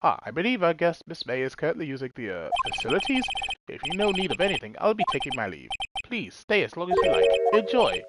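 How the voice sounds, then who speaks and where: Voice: medium pitch, sing-song, fast talker, very noisy, natural voice. A performer voicing a polite, eager male hotel bellboy in a video game, formal and servile. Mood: obliging, formal.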